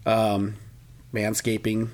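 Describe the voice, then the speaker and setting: A man's voice: fairly low pitch, completely flat delivery, slow pace, darkish tone. A man co-hosting a podcast in casual chat, rambling and joking, sometimes mimicking movie lines. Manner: rambling, jokey, slips into mocking movie voices. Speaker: podcast co-host.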